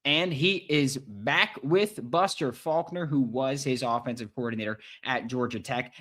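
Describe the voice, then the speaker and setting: A man hosting a live sports podcast, talking in an excitable, hype-driven way and repeating lines for emphasis. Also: on the high side. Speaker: podcast host. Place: recording in England.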